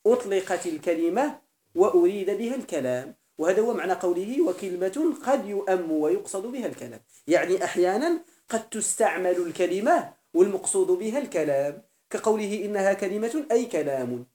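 A man with a Moroccan Arabic accent gives a grammar lesson at a quick clip. He keeps putting questions to his students and repeats the key terms. The sound carries a strong echo from the room. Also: high-pitched, expressive, dark tone. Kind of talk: classroom lecture.

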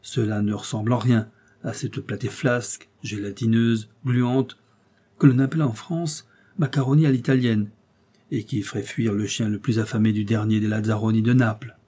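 A man's voice: fairly low pitch, fairly even intonation, normal speed, mellow, slightly rough. A man voicing an earnest police detective in an audiobook, speaking in an explanatory, slightly theatrical way. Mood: lecturing. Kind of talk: audiobook character reading.

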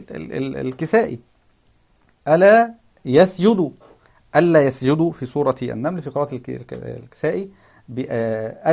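A man teaching a grammar text to a class. He keeps asking the room questions, answers them himself, and recites lines of verse in a slow chant. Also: on the high side, a little mellow, lo-fi sound.

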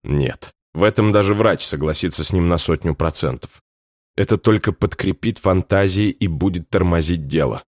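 A man narrating an audiobook in an expressive storytelling manner. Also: sits low, moderate pace, dry recording, clean studio sound. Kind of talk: scripted narration.

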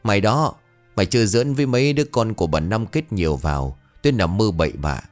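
A man voicing a gruff, scolding rural mother. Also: lowish voice, lively intonation, quick pace, soft background music, natural voice.

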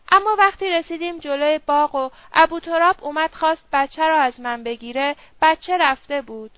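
A woman's voice: sits high, no echo. A woman reading the part of a young servant girl confessing, in colloquial, rueful speech. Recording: dull dry lo-fi audio.

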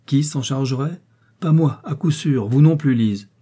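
A man's voice: medium pitch, unhurried, warm tone, slightly rough, voice pushed up. A man playing a cold, commanding aristocratic prince who speaks curtly and with authority in an audiobook.

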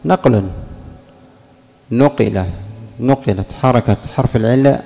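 Man teaching a grammar class, asks and answers himself, mellow tone, long hall echo. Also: mid-range voice, gravelly. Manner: asks questions then answers them, drawing out example words slowly. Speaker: sheikh teaching Arabic morphology. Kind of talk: classroom lesson explaining word roots.

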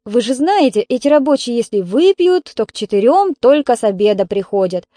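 A woman voicing an older male neighbor who explains things calmly and tries to placate. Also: fairly high pitch, fairly quick, dry recording, clean studio sound. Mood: reasoning.

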